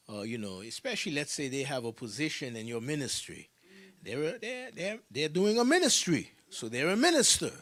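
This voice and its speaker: A man minister giving casual church announcements, chuckling and stopping often to fill with "you know". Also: a little high. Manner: casual, chuckling, full of fillers.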